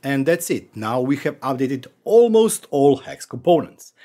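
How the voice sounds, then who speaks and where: A man's voice: mid-range voice, sing-song, unhurried, loud music behind the voice. A man in his forties hosting a screen-recorded tech tutorial from a home office, talking through steps with wry asides. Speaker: tech channel host.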